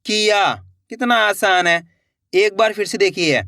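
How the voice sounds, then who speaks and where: A man's voice: sits high, measured pace, pushed and bright, no room sound, studio quality. A man teaching children's reading, sounding out each syllable and then blending it into the word, encouraging his viewers as friends. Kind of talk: slow syllable-by-syllable reading lesson.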